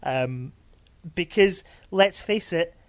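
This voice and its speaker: A man with a high voice co-hosts a casual podcast. He chats in a wry, agreeable way and keeps his remarks short. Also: expressive, slow, clear, resonant tone. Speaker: podcast co-host. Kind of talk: casual chat.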